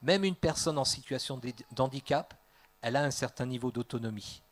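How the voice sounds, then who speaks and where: A French man, a pastor, preaching a sermon in a lively way, joking, laughing at his own asides and acting out the people he quotes with sudden loud bursts. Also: medium pitch, brisk. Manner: animated, acts out quoted voices with big jumps in loudness.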